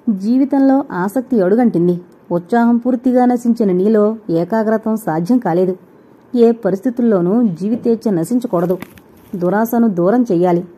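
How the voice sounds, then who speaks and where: A woman doing a gentle, wise husband. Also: high-pitched, breathy edge. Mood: earnest. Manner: gentle, measured, philosophical. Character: calm, wise husband consoling his dying wife. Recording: dull lo-fi recording.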